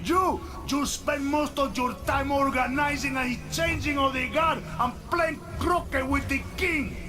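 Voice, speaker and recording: A man's voice: very high voice, steady tone, measured pace, background noise. A man voicing a boastful dead barbarian in a game, blustering, with odd phrasing. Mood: indignant. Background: game music.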